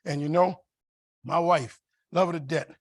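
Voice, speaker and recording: A man's voice: on the high side, moderate pace, no room sound, studio quality. A man giving a motivational after-dinner keynote at a conference, telling stories in an emphatic, preacherly way. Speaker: keynote speaker.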